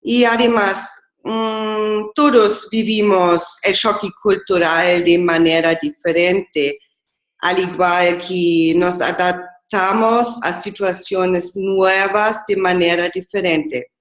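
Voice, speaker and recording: A woman from Germany whose first language is German, presenting an intercultural webinar in slow, careful Spanish with small slips. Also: on the low side, steady tone, echoey room.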